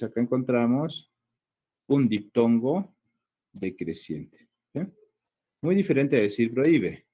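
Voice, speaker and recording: Peruvian spanish guy teaching grammar, dark husky voice, keeps asking "right?", drags words out slow to sound them out. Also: mid-range voice. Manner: explains step by step, checks with frequent ¿no? and ¿ya?; stretches out words slowly to sound out syllables. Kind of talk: classroom grammar lesson.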